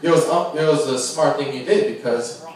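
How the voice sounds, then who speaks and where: A man giving an informal, rambling best man speech, halting and joking, often checking in with his listeners. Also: mid-range voice, darkish tone. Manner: joking, teasing delivery played to the guests. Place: large echoing indoor reception room. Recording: echoey hall, distant mic, audience noise. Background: guests laughing and reacting.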